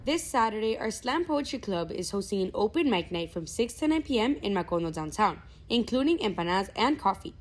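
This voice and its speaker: A teenage girl reading school announcements in a steady, informative way. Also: medium pitch, brisk, hardly any pauses, a little hiss or hum. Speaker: student announcer.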